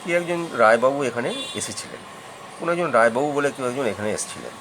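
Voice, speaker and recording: A man's voice: mid-range voice, animated, fast, noisy background. A man teaching English grammar in a patient, explanatory way, repeating examples and checking that the listener follows. His first language is Bengali.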